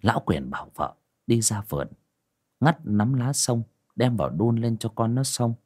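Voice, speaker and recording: Husky-voiced male horror storyteller. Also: medium pitch, moderate pace. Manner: expressive storytelling. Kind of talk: audiobook horror story narration.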